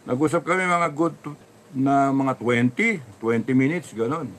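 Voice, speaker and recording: A man telling a long personal story in a casual, rambling, halting way, full of restarts. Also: medium pitch, fairly bright tone, slight background noise.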